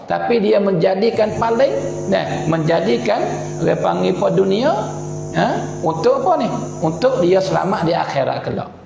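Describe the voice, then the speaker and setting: A man with a Patani Malay accent teaching a religious sermon, reading Arabic text slowly and then explaining it in his own dialect with many fillers. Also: high voice, gravelly, darkish tone. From southern Thailand. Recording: echoey hall reverb.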